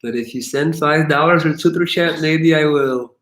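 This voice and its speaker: A man with a slightly high, fairly bright voice hosts a live question-and-answer stream on YouTube at a moderate pace in an echoey room. He reads out viewer questions, joking and teasing as he goes.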